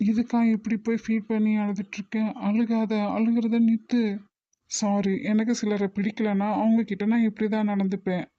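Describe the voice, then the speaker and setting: A performer playing a calm, firm husband in a cartoon, with a Kongu Tamil accent, who talks in a measured, lecturing and reassuring way. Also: medium pitch, no room sound, lightly acted. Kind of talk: cartoon voice acting. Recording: dull dry lo-fi recording.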